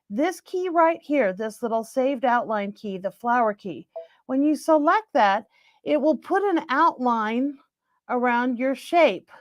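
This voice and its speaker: A woman's voice: high-pitched, no echo. A woman, cheerfully demonstrating a sewing machine technique as an instructor. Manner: upbeat, chatty. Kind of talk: how-to demonstration. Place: sewing store studio.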